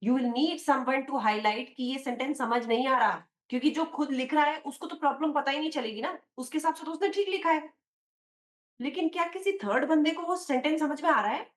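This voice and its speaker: A woman teacher with an Indian accent, giving an exam prep lecture in a mix of Hindi and English, explaining slowly and quizzing her students. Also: high voice. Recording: echoey room.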